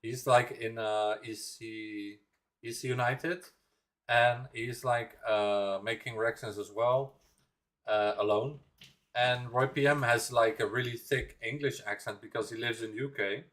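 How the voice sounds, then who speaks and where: Chatting on a casual livestream, this young man from the Netherlands hosts reactions, wanders from topic to topic, reads out the chat and laughs a lot, talking easily to viewers he seems to know. He speaks unhurriedly in a middle-pitched, slightly bright voice with fairly even intonation.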